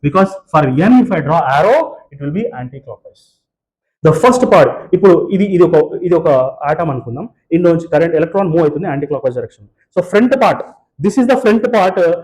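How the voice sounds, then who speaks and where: High-ish voiced telugu guy teaching physics in a classroom, lots of uh and restarts, mixing english and telugu. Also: animated, unhurried, darkish tone, rough recording. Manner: switches between English and Telugu, many fillers and restarts. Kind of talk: classroom lecture. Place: classroom with students present.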